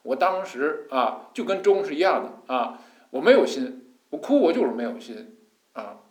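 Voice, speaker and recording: A man giving a colloquial sermon that explains scripture, animated and folksy, with hushed asides and mock voices. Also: on the high side, normal speed, reverberant. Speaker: Buddhist teacher.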